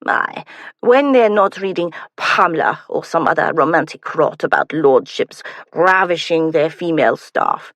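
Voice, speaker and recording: A woman's voice: deep voice, lively intonation, unhurried, fairly bright tone, no room sound, full character voice. A woman voicing a grinning, needling man newly arrived in England, teasing and wry, in an audiobook.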